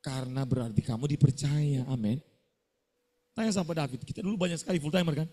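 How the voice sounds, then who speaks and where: A man's voice: a little high, quick pace, dark tone. A middle-aged male pastor, preaching a scolding sermon to students and firing call-and-response questions at them.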